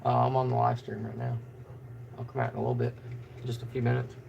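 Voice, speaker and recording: A man hosts a relaxed live stream about fishing, talking in a flat monotone full of fillers and restarts. His voice is deeply gravelly and fry-heavy. There is a faint hiss behind him. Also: fast, lo-fi sound. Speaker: fishing channel host. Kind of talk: casual live stream chat.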